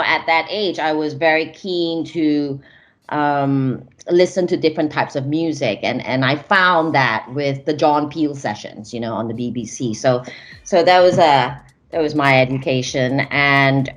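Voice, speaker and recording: Low-voiced reflective woman from Malaysia. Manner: reflective, hesitant, many restarts and fillers. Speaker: interview guest, music manager. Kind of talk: casual interview conversation.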